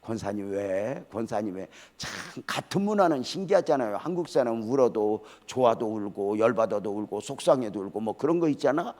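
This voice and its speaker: An older man delivers a church sermon with lively energy. He quizzes the congregation, calls for responses, and drifts into relaxed conversational stories between points. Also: mid-range voice, fairly quick, few pauses. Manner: casual storytelling asides. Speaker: pastor. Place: church sanctuary.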